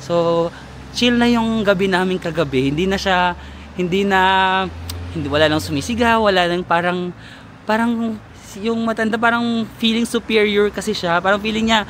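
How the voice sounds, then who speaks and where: Filipino man, chatty travel vlog, gossipy and playful, slightly high voice, faint street noise. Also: moderate pace, a bit bright. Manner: chatty gossiping storyteller, playful, mixes in English. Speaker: travel vlogger. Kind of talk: casual vlog chat. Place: outdoors in a town in winter.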